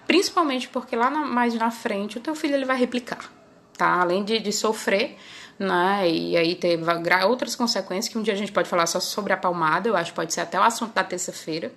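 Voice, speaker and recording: A woman hosts her parenting channel in a brisk, mid-range and slightly bright voice. Talking casually to camera, she often closes her phrases with little tag questions.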